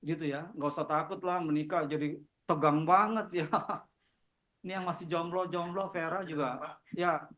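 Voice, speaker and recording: A male pastor speaking in a relaxed, folksy way, tagging his sentences with little "ya" fillers as he answers questions. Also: on the high side, moderate pace. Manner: folksy, chatty, with frequent "ya" tags. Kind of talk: casual church talk answering questions.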